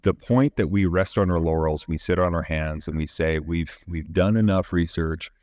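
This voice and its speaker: Speaking in a very deep, slightly mellow voice, a male executive fields interview questions about engineering, using careful technical wording that frequently breaks off partway. He's recorded up close and dry, without any room ambience.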